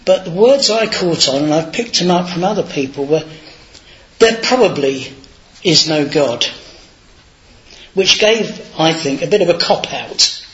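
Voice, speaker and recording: A man's voice: high-pitched, normal speed, fairly bright tone. A man giving an informal, anecdotal sermon in a chatty, self-deprecating way, on a dull lo-fi recording. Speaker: lay preacher.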